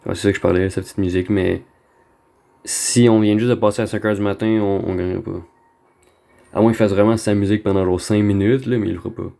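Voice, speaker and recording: A man's voice: lowish voice, steady tone, quick pace, gravelly, mellow. A man with a Québécois French accent giving casual, rambling gaming commentary, slangy and dropping in bits of English slang. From Quebec, Canada. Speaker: gamer recording a video.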